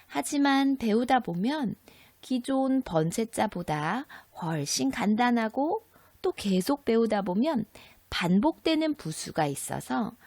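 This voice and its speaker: A woman high school teacher giving a recorded textbook lesson, explaining slowly and clearly and asking her students questions. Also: big pitch swings, darkish tone, no echo.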